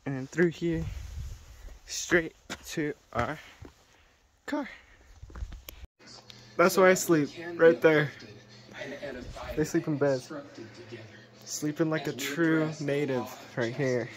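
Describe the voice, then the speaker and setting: Young male missionary vlogger, higher-voiced, playful, joking delivery, noisy phone audio. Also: takes it slowly, long pauses. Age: young adult. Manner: excitable, joking, self-mocking. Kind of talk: casual vlog narration. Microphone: phone held at arm's length.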